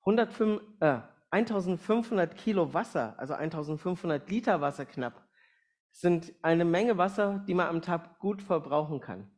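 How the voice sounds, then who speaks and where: This guest preacher from a missionary aviation group presents to a congregation in plain, direct language, asking questions and drawing on everyday examples. His voice sits high and sounds animated, moving at a moderate pace through the sermon.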